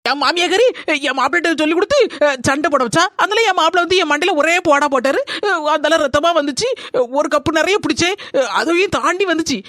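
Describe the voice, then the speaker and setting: High-voiced Kanyakumari Tamil woman complaining. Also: fast talker, a bit bright, no echo, clean studio sound. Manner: complaining, pleading. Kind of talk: cartoon comedy voice acting.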